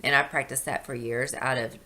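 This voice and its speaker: A middle-aged woman with a hoarse, wheezy voice from a chest infection, talking in a casual, rambling, explanatory vlog style. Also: a bass voice, steady tone, a little fast, sharp tone, a little hiss or hum. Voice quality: wheezy, breathy intake from asthma. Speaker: video blogger.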